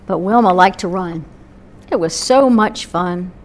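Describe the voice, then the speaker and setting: A woman pastor telling a gentle story sermon in a church service, her voice softening to near-whispers at the ends of phrases. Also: on the low side, unhurried.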